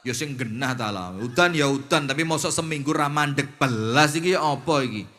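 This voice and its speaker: A man's voice: medium pitch, fairly quick, pitched below the performer's own voice, close to an everyday voice. A preacher putting on a blunt, pushy Bedouin man with a Javanese accent. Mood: grumbling pleading. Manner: blunt, loud, unmannered demanding. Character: blunt, pushy male desert Bedouin villager.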